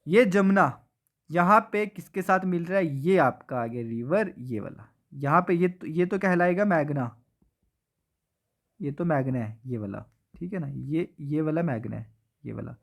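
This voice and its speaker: A man teaching an exam revision lesson in Kashmiri-accented Hindi. He keeps asking the class questions, answers them himself, and checks in with "theek hai" again and again. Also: a little high. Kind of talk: exam revision lecture over a map.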